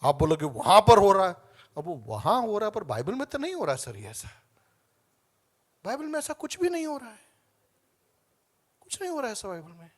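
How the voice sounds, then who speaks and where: A man preaching a fervent sermon as pastor, moving from quiet asides to loud calls for the congregation to answer back. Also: high voice, huge pitch swings, fairly quick, long pauses. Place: church hall.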